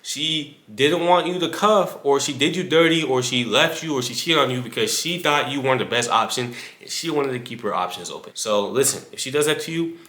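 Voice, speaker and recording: A man's voice: medium pitch, brisk, fairly bright tone. A man in his twenties giving casual advice straight to the viewer, full of slang and asides. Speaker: fitness creator. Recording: echoey room.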